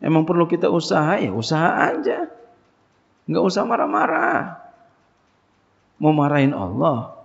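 Male preacher, gravelly, colloquial question-and-answer lecture, muffled low-fi audio. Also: big pitch swings, normal speed, pauses often. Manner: colloquial, call-and-response questions. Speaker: pesantren teacher. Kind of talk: casual religious lecture. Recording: dull lo-fi lecture recording.

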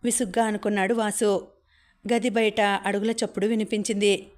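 A woman reading a story aloud as an audiobook narrator, in a steady, even storytelling manner. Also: medium pitch, normal speed. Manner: even, steady reading, voicing characters' lines within the story.

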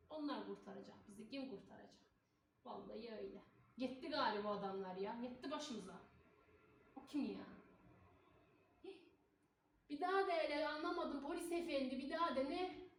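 A woman plays a spirited, folksy cleaning lady, gossiping through a comic stage monologue. Her voice sits a little high and is full of exclamations. It is caught from a distance in an echoey room with faint background hiss. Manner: chatty, folksy, sprinkles exclamations. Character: chatty middle-aged female cleaner, gossipy and spirited. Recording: echoey room, voice far from mic.

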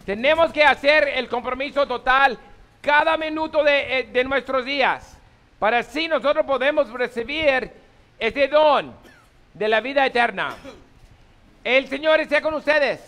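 Middle-aged man as a priest at Mass: very high register, sharp bright tone, sermon and blessing delivery. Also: a little slow. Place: small open-sided chapel in daylight.

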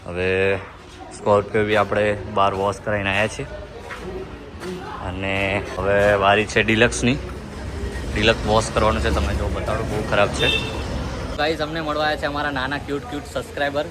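A relaxed man with a lowish voice talks to a phone camera in a casual vlog, walking viewers through things. Clear vehicle and outdoor noise sits behind his voice. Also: brisk, long pauses. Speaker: vlogger.

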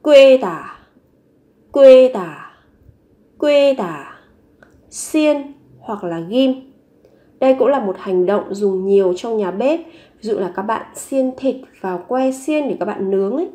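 A woman teaching a vocabulary lesson, saying each word three times slowly before explaining it. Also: mid-range voice, lively intonation, warm tone. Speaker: language teacher.

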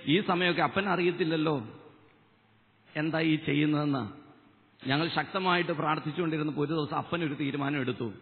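A man in his thirties giving an impassioned testimony at a Bible convention on stage, into a stand microphone, swinging between loud and soft. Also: fairly high pitch. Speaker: lay preacher giving testimony. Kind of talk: fervent convention sermon. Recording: echoey convention hall, tinny narrow broadcast.

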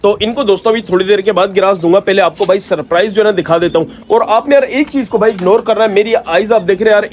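Man, casual outdoor pet vlog, quick chatty talk, fairly high voice. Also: a little hiss or hum. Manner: chatty, affectionate, peppered with "yaar" and "bhai"; coaxing pets softly. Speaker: pet vlogger.

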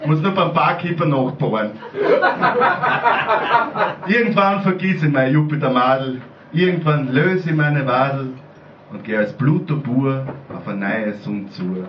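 A man with an Austrian accent performing rhyming poetry at a slam, declamatory, with loudness and pitch that keep shifting. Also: measured pace, long pauses, background noise. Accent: Austrian German. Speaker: slam poet. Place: small bar stage. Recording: echoey room, far-off mic, dull lo-fi sound.

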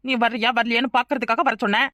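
A woman's voice: fairly high pitch, steady tone, very fast, bright, forceful tone, no echo, studio quality. A woman voicing a suspicious, sarcastic young wife in a cartoon, questioning pointedly with a Kanyakumari Tamil accent. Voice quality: sarcastic and probing. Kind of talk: cartoon voice acting.

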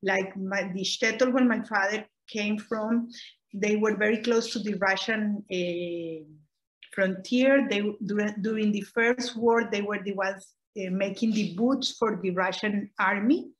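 Over a video call webcam, a Costa Rican woman in middle age shares family memories as an oral history interviewee, seated indoors in a room at home. Her medium-pitched voice keeps a fairly even intonation, and she takes her time, with many "eh" hesitations and self-corrections. The recording is rough.

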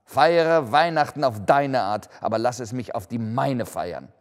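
A man's voice: mid-range voice, lively intonation, moderate pace, slightly rough. A man voicing a grumpy, miserly old man who snaps harshly at his cheerful relative. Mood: scornful. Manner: harsh, snapping. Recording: long hall reverb.

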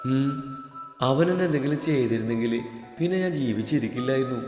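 A frightened young wife clings to her husband, her lines quiet and subdued, voiced by a man reading the story. The voice rings out in a reverberant space. Soft music sits underneath. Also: mid-range voice, fast talker, natural voice. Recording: reverberant room with background music.

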